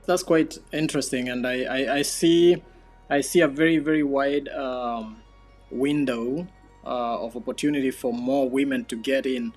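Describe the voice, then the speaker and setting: Husky guy hosting a tv interview, formal intro style, faint music under it. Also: medium pitch, fairly even intonation, a little slow, darkish tone. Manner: formal broadcast introductions, short listening replies. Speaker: TV host. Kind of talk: hosted interview.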